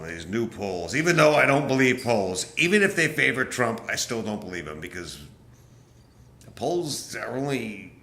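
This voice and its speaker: Male vlogger, low gravelly voice with a bright edge, angry and profane, echoey room. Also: a little hiss or hum. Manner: angry, profane, rambling with restarts. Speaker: political vlogger. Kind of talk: casual rant to camera.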